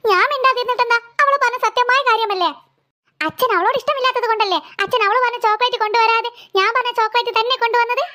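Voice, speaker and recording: A woman's voice: fast talker, pushed and bright. A woman voicing a sulky, jealous little girl who cries and whines in a cartoon. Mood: whiny. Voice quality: very high childlike voice. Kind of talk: cartoon voice acting.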